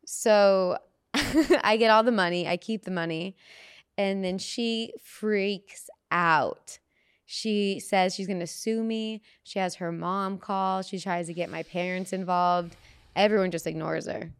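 Smooth-voiced woman telling stories. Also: medium pitch, slow pace, no echo, studio quality. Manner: chatty storyteller, laughs through stories. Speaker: podcast host. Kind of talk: casual podcast storytelling.

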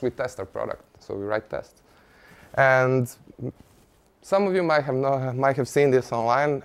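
A man presents a technical talk on a conference stage. His voice is smooth and clear, sitting at an ordinary middle pitch. He speaks conversationally, with light humor and frequent "uh" fillers. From Croatia. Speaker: conference speaker, engineering manager. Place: conference stage before an audience.

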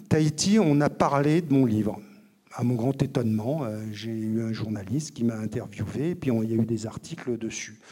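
A man's voice: mid-range voice, a little mellow. Man in his role as a doctor explaining with lots of fillers, plain medium voice. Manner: didactic, many fillers and restarts. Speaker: liver doctor and author. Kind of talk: explanatory interview talk.

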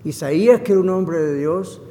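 A male pastor preaching a fervent sermon, swinging from hushed lines to loud emphasis and slipping in short English phrases. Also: high voice, normal speed, a little hiss or hum. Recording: reverberant hall.

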